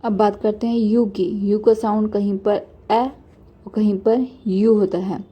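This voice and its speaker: A young woman teaching English letter sounds to beginners, slowly and patiently listing example words for each letter. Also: medium pitch, steady tone, breathy edge, highs cut off. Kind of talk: slow beginner phonics lesson.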